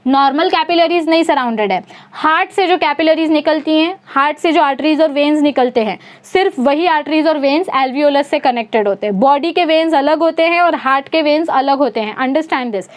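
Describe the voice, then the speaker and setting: A young Indian-accented woman with a high voice gives an online biology lecture. She breaks each idea into small steps and keeps checking whether her students are following. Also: normal speed. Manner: explains step by step, asks students rhetorical questions. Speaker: biology teacher. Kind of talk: online exam-prep lecture mixing Hindi and English.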